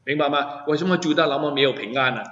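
A man's voice: on the high side, fast, fairly bright tone. A man preaching a sermon as pastor, emphatic and full of rhetorical questions to his listeners. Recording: echoey hall, dull sound.

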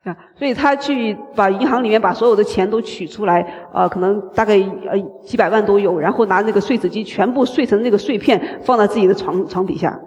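Man, high-pitched voice, quick phrase-by-phrase sermon interpreting, long hall reverb. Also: darkish tone.

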